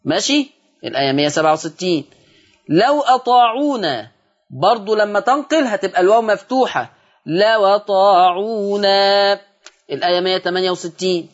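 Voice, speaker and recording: High-voiced Egyptian man teaching recitation. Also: lively intonation, highs cut off. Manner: explains quickly, then recites words slowly. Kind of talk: televised lesson with drawn-out recited examples.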